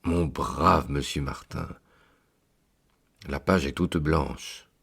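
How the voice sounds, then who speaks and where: A man voicing Saint Peter as a kindly old keeper of heaven's book, calm and fatherly. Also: extremely low pitch, very slow, gravelly, slightly rough, heavily acted.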